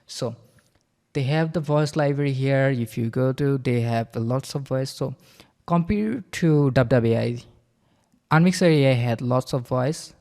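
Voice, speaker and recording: A man giving a casual screen-recording tutorial, halting with many fillers and repeated okays. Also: mid-range voice, dark tone. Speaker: software reviewer.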